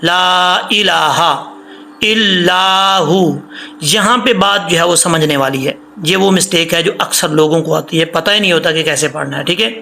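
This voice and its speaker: A man teaching Quran recitation rules, explaining in casual speech and then chanting words slowly, syllable by syllable, to show how they should sound. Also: a little high, vocal fry, pushed and bright, a little hiss or hum. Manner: breaks verses into syllables, stretches sounds to show length. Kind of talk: tajweed lesson, slow recited examples between explanations.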